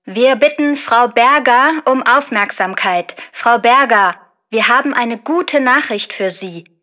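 A woman makes a polite, clearly spoken announcement over a department store intercom. Her voice sits fairly high and sounds bright, and the intercom sound is dull and muffled. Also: expressive, slow. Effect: heard over a department store intercom. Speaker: store announcer in a listening exam.

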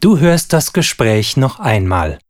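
A man narrating a language-course listening test, deliberate and clear. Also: medium pitch, sing-song. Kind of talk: instructional narration.

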